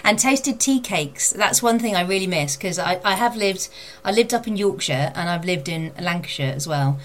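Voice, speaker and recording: A woman's voice: lowish voice, expressive, moderate pace. A woman author hosting her own show, chatting casually with lots of ums before interviewing a guest. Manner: chatty, warm-hearted enthusiasm with many fillers. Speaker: podcast host and author.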